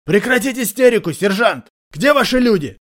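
A man's voice: a little high, a little fast, natural voice. A man voicing a tough male police officer who gives short, firm commands. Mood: commanding. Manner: barking curt orders.

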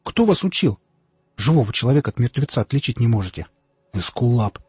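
A man reading an audiobook voices an indignant, stubborn young man who argues loudly and refuses to back down. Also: mid-range voice, big pitch swings, a little fast, breathy edge, no echo. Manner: indignant, arguing. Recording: dull lo-fi audiobook, faint music.

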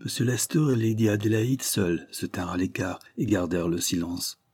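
Low, husky male audiobook narrator. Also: normal speed, a little mellow. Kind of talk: scripted narration of a classic novel.

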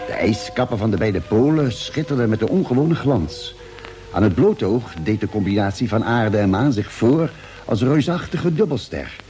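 In a Dutch radio drama, a male actor who also narrates plays a calm, genial ship's doctor and space traveller who keeps a diary. His mid-range voice is measured and articulate, telling the story expressively over a little hiss or hum.

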